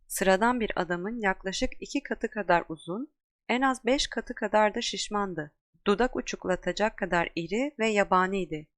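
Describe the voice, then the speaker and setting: A woman narrating an audiobook in a steady, measured storytelling voice. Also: mid-range voice, no echo. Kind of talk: scripted narration.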